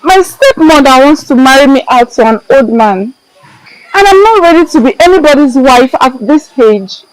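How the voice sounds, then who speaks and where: A woman playing a troubled young schoolgirl who speaks softly and downcast in a film drama. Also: sits high, animated, moderate pace, no echo, poor audio. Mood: pleading. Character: troubled young schoolgirl facing forced marriage. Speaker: student.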